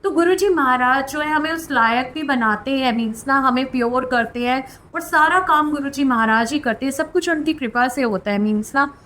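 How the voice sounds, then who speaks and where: High-voiced woman telling a heartfelt devotional story. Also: a little hiss or hum. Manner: earnest, heartfelt storytelling with soft filler words. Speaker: devotee sharing spiritual experiences. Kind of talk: devotional testimony.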